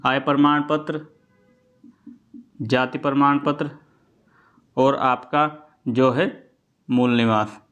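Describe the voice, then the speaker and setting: Speaking slowly with frequent pauses, this man has a medium-pitched, steady voice with a slightly bright quality. He teaches students informally, in the style of a coaching presenter. Important points get repeated, and he keeps checking in with the people listening.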